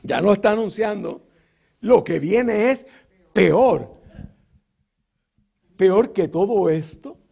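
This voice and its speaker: A high-voiced man preaching a sermon, with a gravelly, creaky edge to his voice. He speaks slowly and unhurriedly, teaching through scripture with rhetorical questions and plenty of filler sounds between phrases. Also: animated, dark tone. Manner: frequent filler sounds and restarts.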